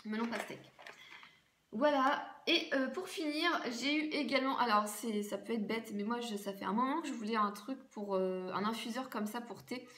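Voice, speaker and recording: A woman's voice: a little high, moderate pace, a bit bright. A French woman chatting casually through a haul video, rambling and full of fillers. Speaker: beauty vlogger. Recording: echoey room with faint noise.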